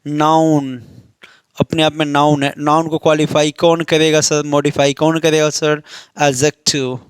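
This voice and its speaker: A man with an Indian accent leads an exam-prep grammar lesson in a smooth, clear voice that sits a little high. He asks his own questions and answers them, and reads each example sentence out slowly. The recording is dry and close. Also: little pitch movement, no echo. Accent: Indian English. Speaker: English grammar teacher.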